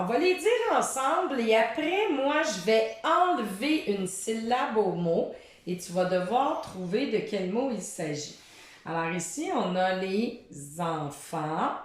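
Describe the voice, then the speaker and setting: A woman teaching a syllable game to young children from her living room. She speaks straight to the child and draws out each syllable. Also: medium pitch. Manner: talks directly to a child, drawing out syllables slowly. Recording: roomy echo of a home room.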